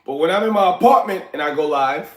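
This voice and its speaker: Livestreaming casually from his echoey apartment, a Liberian man in his forties drifts from topic to topic and answers chat by name. His voice sits a touch high, and he talks fast and animatedly in a loose, rambling way. He is still recovering from an illness and coughs now and then.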